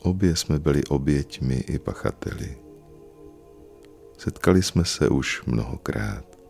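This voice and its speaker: A patient, kind female soul who explains with calm gentleness, as a man reads her in his own voice. The voice stays very deep, with a gravelly fry. Soft music runs behind. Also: full character voice. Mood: gentle.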